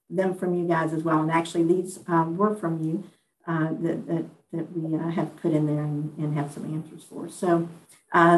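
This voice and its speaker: Female physician co-presenter, middle-aged, slightly low voice, halting informal delivery on a video call. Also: rough recording. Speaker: co-presenter, physician and medical director. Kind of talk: informal webinar talk.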